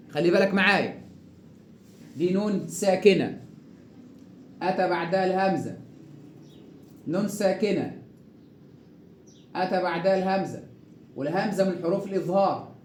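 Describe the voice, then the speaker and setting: A man with a fairly high voice and an Egyptian accent teaches a tajweed lesson. He explains briskly and speaks directly to the learner, then stretches each example out slowly. The room around him rings with echo. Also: darkish tone, slight background noise. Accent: Egyptian Arabic. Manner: repeats each example slowly and drawn out after quick explanation; instructive, addresses the learner directly. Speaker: Quran recitation teacher.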